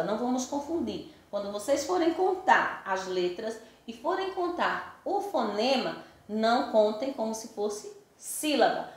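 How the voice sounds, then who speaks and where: A Brazilian woman teacher giving a recorded school lesson, patiently spelling out letters and counting sounds aloud, often checking "right?" with her pupils. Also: on the high side. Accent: Brazilian Portuguese. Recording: very echoey room.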